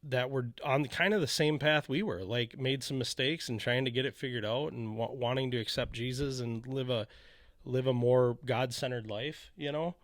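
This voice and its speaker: A man's voice: mid-range voice, moderate pace, no room sound. Man, casual candid storyteller with a mid-range voice and a dry close-mic sound. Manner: candid, rambling retelling with many "you know" asides. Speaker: podcast co-host telling his faith story.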